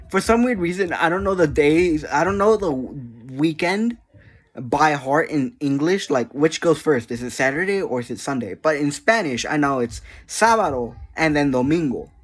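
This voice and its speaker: Energetic and giggly, an online creator talks casually to viewers, wandering off topic easily and poking fun at themself. The voice sits in the mid-range.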